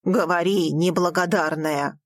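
A woman voicing a distraught, stern father in an audiobook, speaking in a slow, heavy, scolding way. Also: on the low side. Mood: angry. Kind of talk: audiobook character voice.

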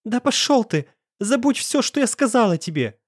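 A man voicing a hysterical, heartbroken young woman who stammers and pleads in a shrill, tearful voice. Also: moderate pace, darkish tone, no echo, studio quality, close to an everyday voice.

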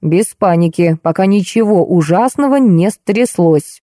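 A woman's voice: fairly low pitch, lively intonation, unhurried, dark tone, no echo, studio quality. A woman reading the lines of a pompous, bossy middle-aged police colonel in an audiobook. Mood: commanding. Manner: pompous commanding.

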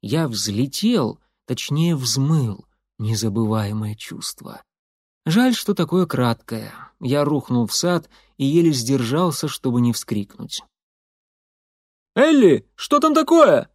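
Man narrating a lively audiobook. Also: mid-range voice, slow pace, breathy edge, dry recording. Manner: lively, expressive storytelling. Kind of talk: first-person audiobook narration. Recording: dry close studio sound.

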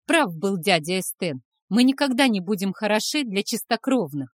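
A woman reading aloud voices an angry, tearful teenage boy who shouts bitter accusations at his father. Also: medium pitch, sing-song, normal speed, dry recording, studio quality. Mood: angry shouting. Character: angry tearful teenage boy, half-blood dragon son.

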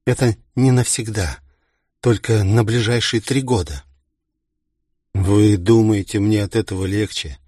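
A man's voice: fairly low pitch, unhurried, mellow, dry recording, clean studio sound. A man voicing a strict, scolding middle-aged woman who looks after a young clan heir. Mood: stern. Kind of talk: audiobook character reading.

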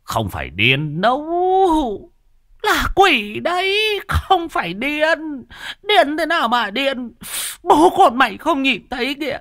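A man putting on a shrill, panicked old woman. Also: wildly swooping pitch, slow pace, fairly bright tone, dry recording, clean studio sound, heavily acted. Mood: insistent. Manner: stammering, wailing pleas. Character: terrified old village woman, frantic.

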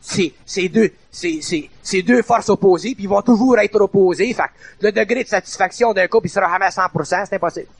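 A middle-aged man with a Quebec French accent lectures informally, circling back to his points with emphatic repetition. His voice sits high and carries a gravelly edge. The recording is dry and close, with no room sound. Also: fairly quick, hardly any pauses, no echo.

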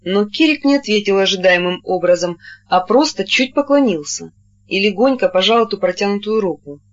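An audiobook narrator reading literary prose in a measured, even manner, with a voice in a middle register. The recording is muffled and lo-fi, with a dull top end. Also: mid-range voice. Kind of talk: scripted narration.

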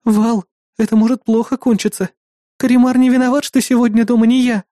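An audiobook reader voicing a proud young woman mage who speaks briskly and a bit wryly. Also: medium pitch, little pitch movement, warm tone, no echo, studio quality, voice pushed up, close to an everyday voice.

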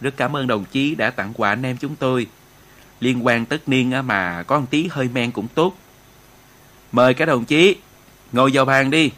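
A man voicing a jovial male political commissar who gives loud, ceremonious toasts in an audiobook. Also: medium pitch, normal speed, lightly acted. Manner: loud, ceremonious speech-making.

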